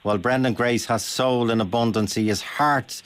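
An Irish man hosting a radio phone-in conversationally, with halting, repeated, emphatic phrases. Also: mid-range voice, fairly even intonation, clear, resonant tone.

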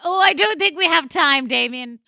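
A woman's voice: sits high, lively intonation, moderate pace, gravelly, sharp tone, dry recording, studio quality, heavily acted. A woman playing a spooky, teasing female radio co-host with a theatrical delivery in a children's show. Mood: playfully sinister.

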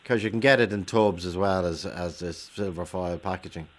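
A man's voice: sits low, moderate pace, crowd noise. A man with an Irish accent hosting a radio phone-in, chatting casually and probing callers with short questions. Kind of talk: casual interview chat.

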